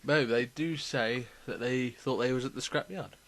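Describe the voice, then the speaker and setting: Man, quiz contestant, relaxed casual replies, mid-pitched everyday voice. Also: moderate pace, a little hiss or hum. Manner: laid-back, chuckling replies.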